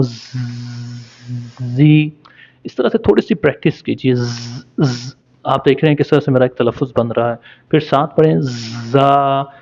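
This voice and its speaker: Guy teaching quran letter sounds, drags out each sound slow and patient, kinda dull lo-fi audio. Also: medium pitch. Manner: patient, stretches Arabic letter sounds for practice. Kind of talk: spoken lesson with drawn-out letter demonstrations. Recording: dull lo-fi recording.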